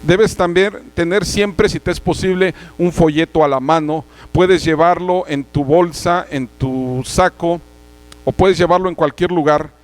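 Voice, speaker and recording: A young man preaching earnestly, telling a personal testimony and clearing his throat at times. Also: fairly high pitch, fairly even intonation, unhurried, low-quality recording. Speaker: church brother giving a sermon.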